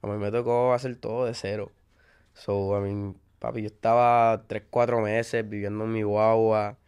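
A young man from Maryland with a Puerto Rican accent, a songwriter guest talking in a relaxed, laid-back way and dropping in English words. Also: lowish voice, moderate pace, clear, resonant tone. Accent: Puerto Rican Spanish. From United States (Maryland). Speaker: music artist and songwriter guest. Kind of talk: casual interview.

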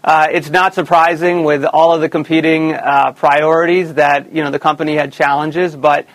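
A man who is the chief executive of a company, answering interview questions in a measured way. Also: a little high, flat delivery. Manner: measured, with fillers and restarts. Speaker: company CEO guest. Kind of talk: business interview.

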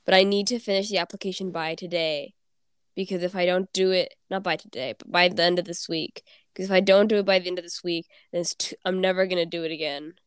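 A woman's voice: lowish voice, steady tone, fast, clean tone, no echo, clean studio sound. A teenage girl with a congested cold voice, chatting and giggling as a podcast co-host. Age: teens. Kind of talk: casual chat.

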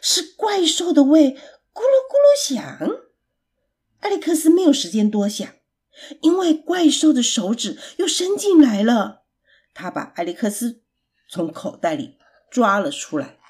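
Slow, expressive woman storyteller. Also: high-pitched, slightly rough. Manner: gentle, expressive and unhurried. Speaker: children's storyteller. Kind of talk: reading a children's story aloud.

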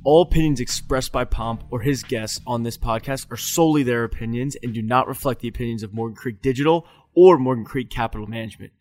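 A man reads a podcast's legal disclaimer in a steady, formal tone. Soft music plays underneath. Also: mid-range voice, fast talker, hardly any pauses.

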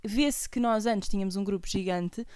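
Clear-voiced young woman, European Portuguese accent. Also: mid-range voice, moderate pace, a little mellow, no room sound, studio quality. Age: around 20. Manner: informal, slangy. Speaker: podcast co-host. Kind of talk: casual chat.

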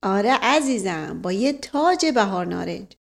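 A woman voicing a gentle, persuasive middle-aged nobleman with a teasing wit. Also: medium pitch, animated, gravelly. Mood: coaxing.

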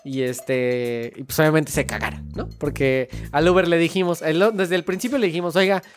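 A young man from Mexico with a Mexico City accent, telling a story in casual chat, slangy and animated, often laughing. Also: a little high, normal speed, faint music behind. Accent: Mexico City Spanish.

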